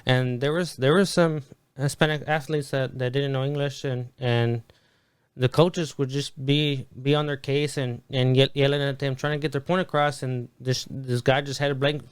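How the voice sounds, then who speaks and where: A man's voice: mid-range voice, steady tone, normal speed, clean tone, no echo. A middle-aged man, a podcast guest, telling stories animatedly and acting out quoted voices, with many restarts. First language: Spanish. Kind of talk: casual storytelling interview.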